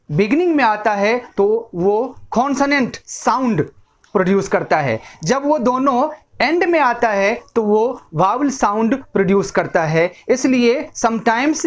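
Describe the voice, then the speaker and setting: Slow high-voiced Indian male teacher. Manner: repeats example words as pronunciation drills; checks in with frequent "right?". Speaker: English teacher. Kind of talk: bilingual classroom lesson.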